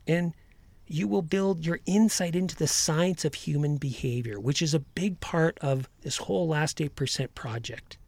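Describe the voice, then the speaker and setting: A man's voice: a little high, moderate pace, vocal fry, darkish tone, no room sound. A man hosting a motivational podcast as a coach, addressing listeners directly in an earnest, emphatic way.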